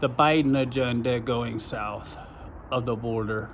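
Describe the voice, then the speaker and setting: A man's voice: medium pitch, fairly even intonation, a little slow. A man from Arizona talking in an urgent, repetitive, emphatic way for his vlog, recorded outdoors by a road. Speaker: vlogger. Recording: lo-fi with loud outdoor noise.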